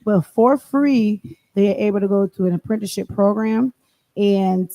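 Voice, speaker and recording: A woman's voice: medium pitch, moderate pace, mellow, low-quality recording. A talkative woman, co-hosting a casual podcast chat and often cutting herself off mid-word. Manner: talkative, self-interrupting, playful. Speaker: co-host.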